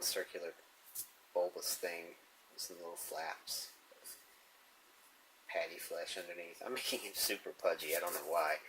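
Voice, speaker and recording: A man's voice: sits low, fairly bright tone, slight background noise, rough recording. A man musing and chuckling to himself as he draws, talking casually about comics and his sketch. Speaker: artist drawing on camera. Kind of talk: casual narration while drawing.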